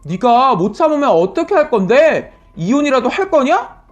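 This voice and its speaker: A woman's voice: sits high, sing-song, moderate pace, highs cut off, soft background music. A woman voicing a rude, bossy eldest sister-in-law who talks down sharply in a storybook reading. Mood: taunting. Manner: sharp and taunting.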